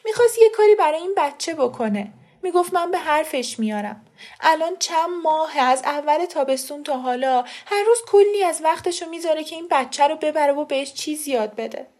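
A woman reader voicing a middle-aged aunt who is tearful and defensive, with a shrill pleading manner. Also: animated, darkish tone. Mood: upset pleading.

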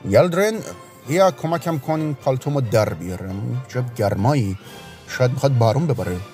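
A man's voice: mid-range voice, expressive, a little mellow, soft background music, natural voice. A man voicing a pompous, fickle middle-aged police officer in a storybook reading. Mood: bossy. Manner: bossy, blustering.

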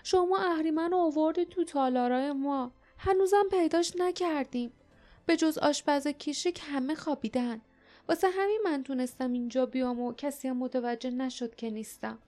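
Woman reading as a timid young girl, high and fearful, hesitant delivery, storybook. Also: a little mellow, close to an everyday voice. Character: frightened young female city girl.

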